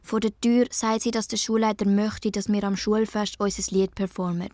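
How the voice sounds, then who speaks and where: A young actress with a Swiss accent playing a troubled schoolgirl, quietly narrating a radio play in the first person. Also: medium pitch, little pitch movement, moderate pace, no room sound, clean studio sound, lightly acted. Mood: sad. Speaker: narrator and main character.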